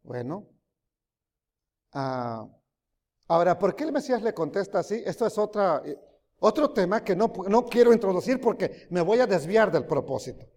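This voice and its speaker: A man preaching a sermon, emphatic, swinging between loud rises and quiet drops, often asking his listeners questions. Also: high-pitched, sing-song, normal speed. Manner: emphatic, rising and dropping loudly, asks the audience questions. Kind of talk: sermon teaching. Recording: long hall reverb.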